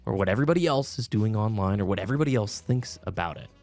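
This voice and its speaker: A man's voice: on the low side, lively intonation, racing, a little mellow, no echo. A man giving earnest, reflective opinion commentary to viewers, speaking with emphasis. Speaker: video game commentator. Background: background music.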